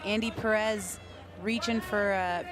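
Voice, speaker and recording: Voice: mid-range voice, fairly even intonation, unhurried. A fight analyst giving conversational live color commentary. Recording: loud crowd and music behind. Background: roaring crowd, music.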